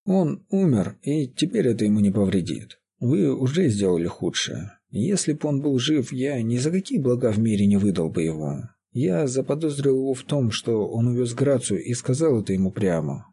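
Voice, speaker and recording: A man voicing an earnest, steady estate steward who pleads in a raised voice. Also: mid-range voice, moderate pace, hardly any pauses, husky. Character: steady middle-aged male estate steward, shocked and earnest.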